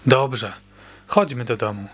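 A man's voice: mid-range voice, slow, a bit bright, slightly rough. A man voicing a defiant young girl who mutters sulky, cheeky retorts at an old woman. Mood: bored.

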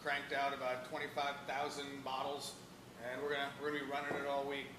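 A man's voice: mid-range voice, completely flat delivery, fairly quick, echoey room, a crowd in the background, low-quality recording. A man in his thirties, a brewery guest, chatting casually and explaining plainly in a bar. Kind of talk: casual chat. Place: bar with bottle shelves, indoors.

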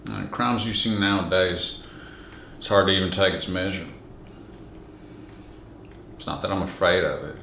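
A man's voice: sits low, steady tone, moderate pace, gravelly, long pauses, pushed and bright, heavily acted. A man in his thirties playing a plain-spoken, weary county sheriff in a reflective, troubled dramatic monologue. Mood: troubled, grave. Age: 30s. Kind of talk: dramatic monologue, audition-tape acting. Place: small bare indoor room against a plain wall. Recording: echoey room, faint background hiss.

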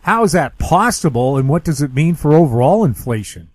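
A man's voice: a little high, very animated, a little fast, dry recording. A man hosting a radio interview and asking questions plainly. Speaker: radio show host.

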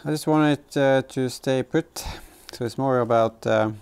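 Here the same kind of speaker, a thirty-something car DIY vlogger, offers loose, halting hands-on commentary while working in a garage workshop and in the back of a car. His medium-pitched voice is clean and darkish, and he speaks a little slowly.

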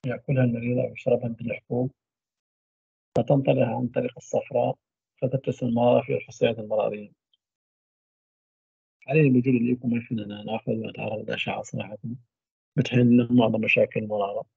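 A man giving a university radiology lecture, trailing off mid-phrase into drawn-out fillers. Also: mid-range voice, flat delivery, vocal fry, breathy edge, no room sound. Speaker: medical lecturer. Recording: dull lo-fi dry recording.

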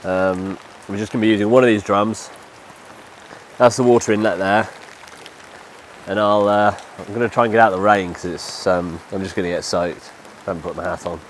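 Sheltering outdoors from the rain, a thirtysomething man with a stuffy nose explains his DIY project step by step in a relaxed how-to style. His lowish voice barely moves in pitch and keeps a moderate pace. He's a DIY vlogger on a lapel mic, with light rain in the background.

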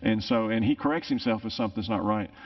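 A man's voice: on the low side, quick pace, creaky. A man in his sixties asking questions casually as an interviewer. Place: large church sanctuary, indoors. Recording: distant, slightly muffled sound.

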